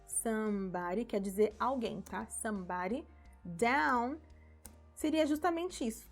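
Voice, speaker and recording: A Brazilian woman teaching English through a worship song, patiently modeling each English word slowly. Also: fairly high pitch, darkish tone. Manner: patient, stretching English words slowly when modeling them. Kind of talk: English lesson using song lyrics.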